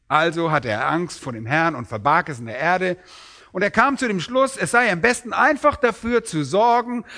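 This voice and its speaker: A man preaching a sermon on a parable, emphatic and rising sharply in pitch when he acts out quoted lines. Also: pushed and bright.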